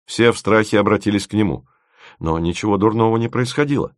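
A man narrating an audiobook in an expressive, lively reading. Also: on the low side, brisk, no echo, clean studio sound.

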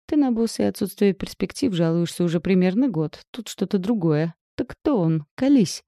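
A woman's voice: mid-range voice, lively intonation, normal speed, mellow, no room sound, clean studio sound, lightly acted. A woman voicing Katya, a brash young masseuse who teases and bosses her friend bluntly. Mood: bossy. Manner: bossy, teasing, blunt.

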